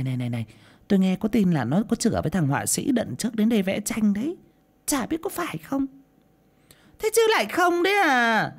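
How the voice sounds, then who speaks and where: A woman voicing a spiteful, gossiping village woman in an audiobook. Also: fairly high pitch. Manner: gossipy, mocking.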